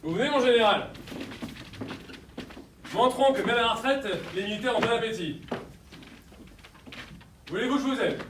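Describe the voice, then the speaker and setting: Casting: actor as breezy stage captain, high male voice, lively swooping intonation, sociable and brisk. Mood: breezy, hearty. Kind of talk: stage play acting. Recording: echoey stage, distant mic, clear noise.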